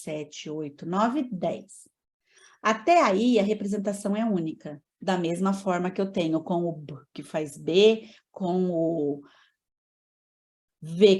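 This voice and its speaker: A woman's voice: mid-range voice, mellow. A woman teaching a training lecture on learning disorders, explaining in a didactic way and putting rhetorical questions to her audience.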